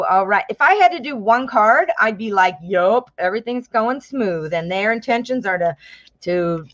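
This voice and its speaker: Her voice mid-range, an American woman does a live tarot reading for viewers, chatting comfortably and sprinkling in terms of endearment. Surprising cards make her exclaim, and the stream audio is somewhat dull and lo-fi.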